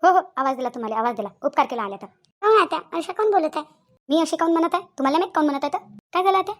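A woman's voice: high-pitched, expressive, very fast. A woman with a Vidarbha Marathi accent voicing an ailing, complaining old mother-in-law who grumbles and scolds in a cartoon. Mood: sarcastic. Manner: grumbling, self-pitying, scolding. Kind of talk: cartoon voice acting.

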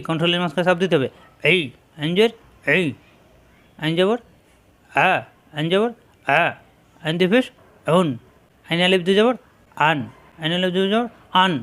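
A man with a Bangladeshi Bengali accent, teaching Quran reading and repeating each letter sound slowly and patiently. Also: on the high side, a bit bright. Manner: repeats each sound several times, explains pronunciation patiently. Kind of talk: slow drilled letter-by-letter recitation lesson.

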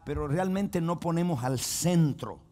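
This pastor's voice sits on the high side, darkish in tone, and he takes his time. His sermon is emphatic, marked by repeated restarts and repetition, with frequent prompts for the congregation to repeat phrases and say amen.

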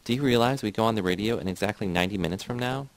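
A man's voice: lowish voice, rapid-fire, dry recording, lightly acted. A man reading a nervous, sheepish young man. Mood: anxious. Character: anxious, timid young man.

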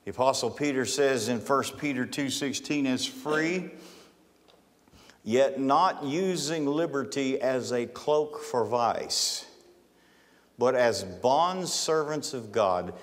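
A middle-aged man preaching a sermon as pastor, emphatic and building to forceful declarations. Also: mid-range voice, slow pace. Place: large church sanctuary, on stage. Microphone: handheld mic, then pulpit mic. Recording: long church hall reverb with faint music.

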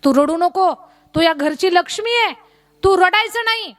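Fussy village husband lecturing his wife, done by a high-voiced lady preacher in a folksy sermon story. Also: expressive, normal speed, a bit bright. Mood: coaxing.

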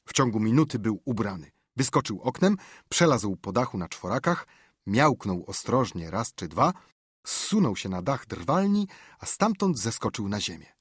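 A man reading a novel aloud as an audiobook narrator, with measured, atmospheric storytelling on a close studio microphone. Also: on the low side, husky, dry recording. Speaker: audiobook reader.

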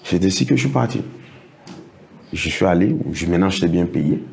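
Middle-aged man, low dark voice, interview guest who tells anecdotes and acts out dialogue. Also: lively intonation, normal speed, gravelly. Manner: recounts anecdotes, acts out others' words. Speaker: interview guest, project financing consultant. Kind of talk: storytelling in a casual interview.

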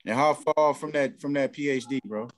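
A man's voice: mid-range voice, moderate pace. An American man casually moderating a group discussion on a video call. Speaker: discussion host.

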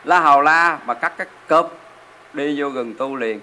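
Speaking at a moderate pace, a male Buddhist monk preaches to a temple hall audience, often posing rhetorical questions. His bright, rather high voice rings with force.

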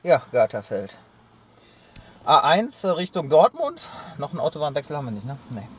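This thirtysomething vlogger has a fairly high, sing-song voice with a breathy edge and talks at normal speed. He chats and jokes into a handheld action camera during a road trip, in a car and outside on a parking lot. Road and car noise make the recording noisy.

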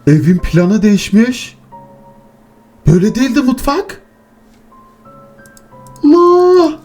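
A man commentates his own horror game run, muttering nervously to his viewers. When something startles him, he swears and shrieks. His voice is high and swings wildly in pitch, with faint game music behind him. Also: expressive, measured pace, a little mellow. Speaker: gaming channel host.

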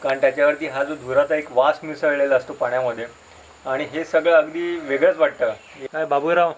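A man's voice: on the high side, fairly even intonation, brisk, muffled recording, slight background noise. A man with a Konkan Marathi accent vlogging casually outdoors, chatty and teasing as he shows things to his viewers. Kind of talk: casual village vlog narration. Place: outdoors in a village and forest. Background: insects and birds.

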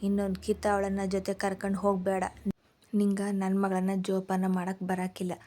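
A woman reading the lines of an angry, protective father who talks in rough village dialect. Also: mid-range voice, completely flat delivery, normal speed, mellow, close to an everyday voice. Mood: cold scolding. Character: furious protective father, grown man.

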